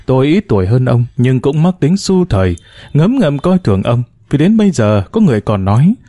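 A man narrating short stories in a measured storytelling manner. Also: no echo, studio quality. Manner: measured storytelling, lively pitch. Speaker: audiobook narrator.

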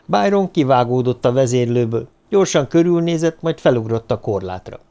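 A man narrating an audiobook in a steady, even delivery. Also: mid-range voice, smooth.

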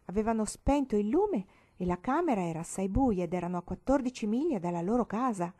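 Donna che legge un romanzo ad alta voce. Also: female voice, mid-range voice, animated, a little fast, warm tone. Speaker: reader. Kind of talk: audiobook narration.

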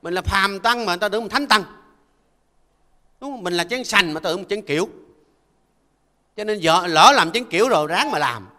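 An older Buddhist monk gives a folksy, conversational dharma talk and keeps asking listeners to agree. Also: male voice, high-pitched, animated, a little fast, pauses often, pushed and bright, long reverb tail. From Vietnam. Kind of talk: conversational sermon.

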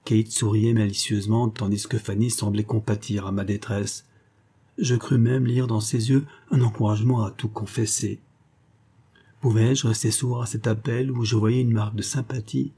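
A man narrates an old comic tale as an audiobook. His voice sits low and sounds soft and slightly husky. He lifts his pitch for the quoted lines of the characters. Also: flat delivery, normal speed. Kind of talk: audiobook reading of a classic story.

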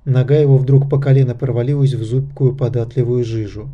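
A man narrating an audiobook of a fantasy mystery in a measured, steady reading. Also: medium pitch, highs cut off. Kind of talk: scripted narration.

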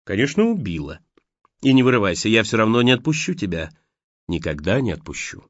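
A sly dead young man taunts and mocks in a lively, wandering voice, as a man acts him out. His tone is cunning and cruel. The recording sounds dull and close. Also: fairly low pitch, a little fast, dry recording. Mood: mocking.

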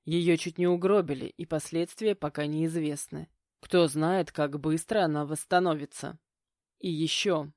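A woman puts on a stern middle-aged stepfather who grumbles and gives orders. The voice sits low and speaks curtly. It is recorded dry and close, with no room sound. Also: steady tone, measured pace, a little mellow, no echo. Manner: grumbling, curt, commanding. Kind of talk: audiobook character voicing.

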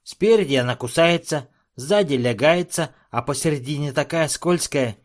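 Dwarf trader, read by a man, pitched way up, shrill and bleating, shivering and whining, storybook reading. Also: normal speed, close to an everyday voice. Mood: whining, complaining. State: trembling with cold. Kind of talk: audiobook character voice.

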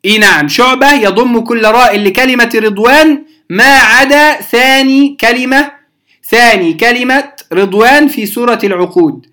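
A teacher giving a beginner lesson on Quranic readings, patiently repeating key terms, pausing with the odd hesitation and often asking whether it is clear. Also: medium pitch, sharp tone. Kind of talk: beginner lesson explaining rules.

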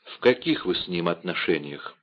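A timid young convent novice, voiced by a male audiobook reader. She speaks in a theatrical manner, and the voice sits fairly low. The sound is muffled and lo-fi. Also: lively intonation, moderate pace. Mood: anxious. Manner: theatrical audiobook dialogue reading. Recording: dull lo-fi recording.

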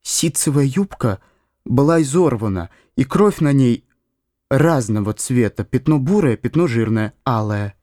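Slow measured male audiobook narrator. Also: medium pitch, lively intonation, warm tone, no echo, studio quality. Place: studio.

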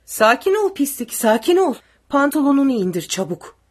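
A woman voicing a brutal tall male soldier who barks threats and orders, with a husky voice. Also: mid-range voice, expressive, moderate pace, darkish tone. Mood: vicious.

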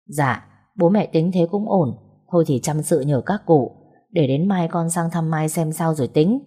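A woman's voice: low-pitched, normal speed, dark tone, breathy edge. A woman reading the lines of a young bachelor who jokes with his parents and soothes a child. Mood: easygoing. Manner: casual, joking. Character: young single man, easygoing and teasing.

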